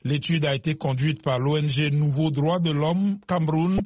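A man presenting the radio news in a formal, measured way. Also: on the high side, steady tone, a little mellow, slight background noise. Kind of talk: scripted news reading.

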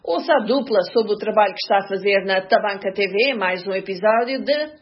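A woman's voice: mid-range voice, brisk. Woman announcer reading a programme intro. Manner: steady read delivery. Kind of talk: scripted radio announcement. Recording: slightly muffled recording.

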